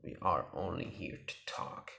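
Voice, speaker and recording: Cold young villain voiced by a man, dead monotone, deep and rough. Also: unhurried, exaggerated voice.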